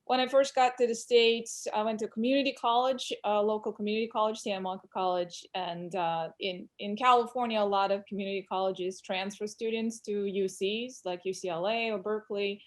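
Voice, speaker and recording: A woman's voice: mid-range voice, steady tone, fairly quick, few pauses. Woman telling her story. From Russia. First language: Russian. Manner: candid, reflective storytelling. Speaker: employment lawyer, guest. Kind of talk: casual interview chat.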